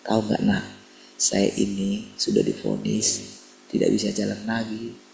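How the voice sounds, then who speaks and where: A man's voice: on the low side, level tone, unhurried, gravelly, darkish tone, slight background noise, rough recording. A middle-aged man preaching a sermon, posing rhetorical questions and speaking directly to his listeners. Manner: rhetorical questions, addresses listeners as brothers and sisters.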